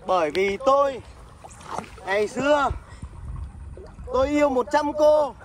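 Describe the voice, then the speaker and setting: A man's voice: very high voice, expressive, measured pace, far from the mic. A man voicing an arrogant, rich male skeleton who taunts his ex-lover and brags about money, in a fan audio drama. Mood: sneering. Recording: noisy homemade recording.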